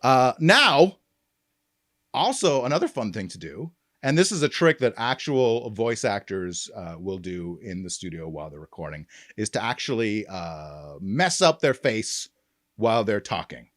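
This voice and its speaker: Lively voice actor chatting. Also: male voice, lowish voice, unhurried, dry recording, clean studio sound. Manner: animated, demonstrative, laughs often. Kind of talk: casual chat.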